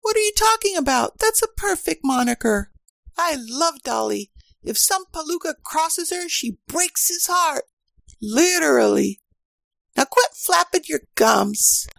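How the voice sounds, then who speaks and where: Radio comedy secretary: sassy and bossy, high creaky voice, slangy tough talk. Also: female voice, animated, a little slow, a bit bright, dry recording, exaggerated voice. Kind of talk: comic radio-play acting.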